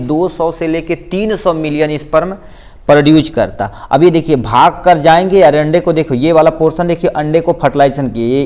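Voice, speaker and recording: Man, biology teacher, higher-pitched voice, step-by-step explanations, frequent check-ins. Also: a little mellow. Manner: explains step by step, repeating key points with frequent checks of "theek hai". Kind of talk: class 10 board exam biology lesson.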